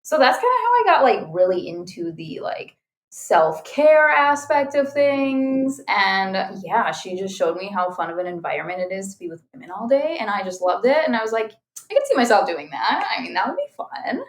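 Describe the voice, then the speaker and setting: A chatty woman talking about skincare work in a relaxed podcast chat, full of fillers. Her mid-range voice sits in a roomy, echoing space. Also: mid-range voice, moderate pace. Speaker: esthetician. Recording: roomy echo.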